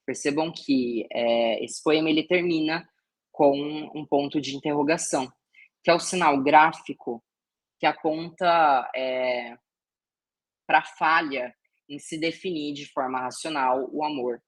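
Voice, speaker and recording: A man's voice: fairly high pitch, measured pace. A man with a Brazilian Portuguese accent, teaching a literature class and explaining step by step, often checking in with his students. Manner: explanatory, peppered with "né" and "tá" check-ins. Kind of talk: recorded exam-prep class.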